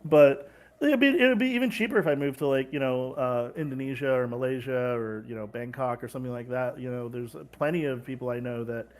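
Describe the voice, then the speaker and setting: This brisk, mid-range male voice belongs to a game publisher from California, chatting loosely in a video-call interview and restarting sentences amid plenty of filler words.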